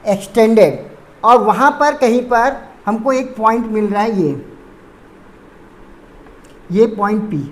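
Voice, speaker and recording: A woman's voice: a little high, animated, slow, pauses often. A woman teaching a physics lesson. She explains step by step, repeats terms and corrects her own slips.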